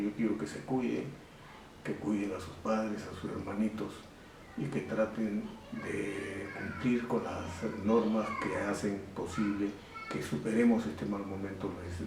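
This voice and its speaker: A man with a Peruvian Spanish accent teaching a recorded grammar lesson to secondary students, slowly and deliberately, repeating his example sentences. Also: lowish voice, distant mic. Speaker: secondary school language teacher. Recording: very echoey room, voice off-mic, faint hiss.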